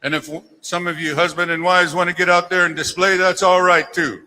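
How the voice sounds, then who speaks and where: Powwow emcee guy, kinda high sharp voice, folksy and joking, calling dancers out over a gym PA. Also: flat delivery, a little fast. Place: large indoor gymnasium. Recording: PA in echoey gymnasium, long reverb.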